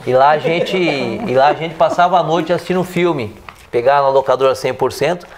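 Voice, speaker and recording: A man with a Brazilian Portuguese accent, interviewing an older neighbor and sharing his own memories in relaxed, halting chat. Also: a little high, a little hiss or hum. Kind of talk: casual reminiscing chat.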